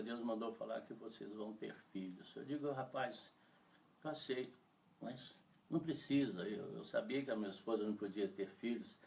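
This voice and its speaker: A man's voice: mid-range voice, creaky, darkish tone. A man, a pastor from Brazil, telling an emotional testimony in a sermon and voicing the people he quotes. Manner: emotional storytelling, voices quoted speech. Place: church. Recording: voice from far off the mic.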